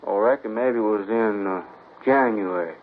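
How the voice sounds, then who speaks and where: In a 1950s radio drama, a young adult man plays a nervous, evasive suspect from New Orleans, speaking in a hesitant Southern drawl. His voice is fairly low and lightly acted at a moderate pace. The recording sounds like an old, lo-fi, husky radio broadcast.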